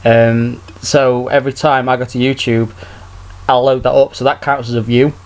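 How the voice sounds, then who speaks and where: A man's voice: mid-range voice, level tone, moderate pace. A man casually hosting a podcast in a hesitant, understated way. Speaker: podcast host.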